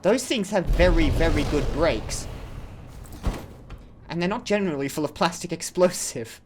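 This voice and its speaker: This young man's voice sits on the high side and sounds animated as he plays a video game at a moderate pace, with a noisy background behind him. As a let's play host he rambles and chats casually, frequently interrupting himself partway through a sentence.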